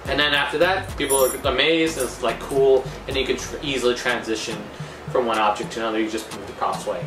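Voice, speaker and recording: A man with a mid-pitched voice gives an informal magic tutorial. He rambles loosely and thinks aloud as he explains. The room is echoey and he sounds set back from the microphone, with music clearly behind him. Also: steady tone, fast talker, distant mic.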